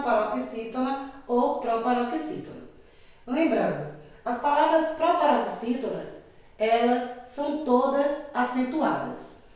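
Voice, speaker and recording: A woman from Brazil teaches a video lesson for children, slightly high-pitched and very unhurried. She spells things out patiently and says each example word twice. The sound is distant and boomy, as if recorded across a bare, echoing room. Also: a little mellow. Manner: slow, careful, repeats example words. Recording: very echoey room, distant mic.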